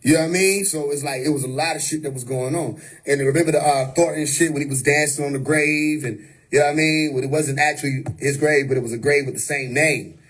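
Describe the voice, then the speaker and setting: His voice slightly high and a bit bright with a breathy edge, a livestream host preaches emphatically in an unscripted monologue. The phone or webcam recording is low quality, and he keeps repeating "you know what I mean."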